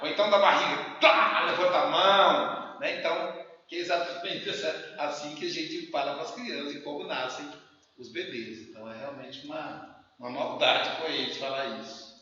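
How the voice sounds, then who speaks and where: High bright-voiced man lecturing. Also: moderate pace, a little hiss or hum. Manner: lively storyteller, acts out quotes. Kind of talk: lecture with anecdotes. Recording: echoey hall, distant muffled mic.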